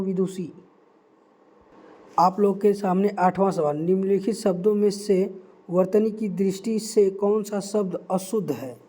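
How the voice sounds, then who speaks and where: A young man tutoring for an exam, reading out answer options slowly and repeating key words for emphasis. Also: sits high, mellow. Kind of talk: quiz-style teaching.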